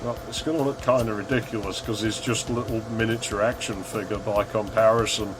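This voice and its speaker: A man's voice: lowish voice, steady tone, fairly quick. A man giving casual, understated commentary as he plays through a game, musing as he goes. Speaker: gaming video host. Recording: loud game music behind voice. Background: game music and sound effects.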